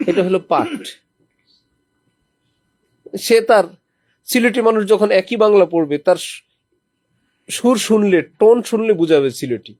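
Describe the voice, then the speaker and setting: A man's voice: high-pitched, measured pace, pauses often, darkish tone, no room sound. A man preaching a sermon to a small gathering, reciting verses as examples and putting questions to his listeners. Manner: teaching with recited Quranic examples. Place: lodging during a visit to a holy city.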